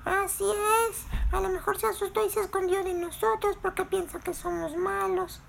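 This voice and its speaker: A woman voicing a male friend with a very strange, thin, high and quiet voice. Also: flat delivery, moderate pace, gravelly, slight background noise, heavily acted. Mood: eerie.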